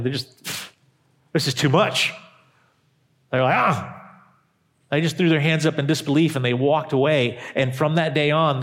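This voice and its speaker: A male pastor preaching a sermon, repeating key phrases and dropping to a hush at times. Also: mid-range voice.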